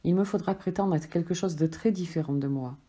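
A woman voicing a gentle, loving soul that speaks softly and patiently. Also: lowish voice, a little fast, lightly acted. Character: gentle, loving friendly soul, calm and tender.

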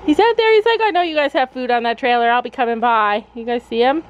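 A woman's voice: fairly high pitch, fast talker, clean tone, highs cut off. A woman vlogging outdoors with her daughter, chatting to viewers and putting on silly voices for the animals. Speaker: vlogger and mother. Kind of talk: casual family vlog. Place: outdoors at a horse campground. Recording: outdoor noise behind.

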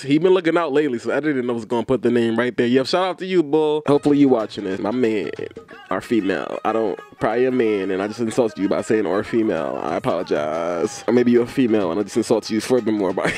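A man's voice: mid-range voice, fast talker, darkish tone, soft background music. A man joking and rambling in a comedic vlog, with casual swearing. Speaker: YouTuber.

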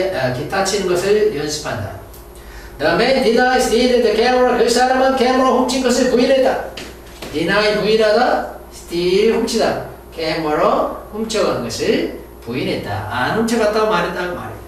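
A man teaching English grammar, reading English examples slowly and explaining them in Korean, often repeating words and correcting himself. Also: sits high, heavy reverb, distant mic, a little hiss or hum, low-quality recording. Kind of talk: lecture on grammar.

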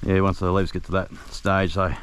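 A man narrating his fishing trip outdoors by a creek in a relaxed, observant way, talking quietly to the camera. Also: low voice, moderate pace. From Australia. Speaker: fishing vlogger. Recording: outdoor recording with faint background noise.

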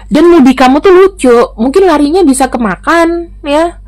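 A young woman giving a relaxed tarot reading, her voice sitting a little high. She talks to the viewer in a chatty, familiar way as she goes through the cards. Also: moderate pace. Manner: chatty, addresses the viewer directly. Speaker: tarot reader. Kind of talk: casual tarot reading to camera.

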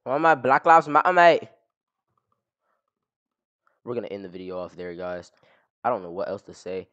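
Very animated and on the low side, with a somewhat bright voice at normal speed over lo-fi sound, a young man on a headset mic trades blunt teasing and crude insults with strangers on a video chat site while streaming from a small living room.

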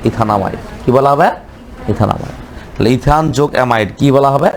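A man's voice: medium pitch, a little fast, slight background noise. A male chemistry teacher giving a lecture, asking the class questions and answering them himself, repeating each name over and over. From Bangladesh.

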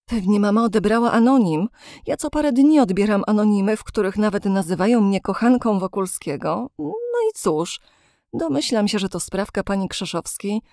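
A woman voicing a gentle young woman who turns defiant and bitter about love, speaking passionately. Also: mid-range voice, expressive, normal speed, dry recording, studio quality, natural voice. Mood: impassioned.

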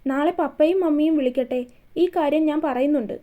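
A woman's voice: high voice, fairly quick, mellow, lightly acted. A woman voicing a playful, affectionate young husband who likes to tease. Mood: teasing. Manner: playful teasing.

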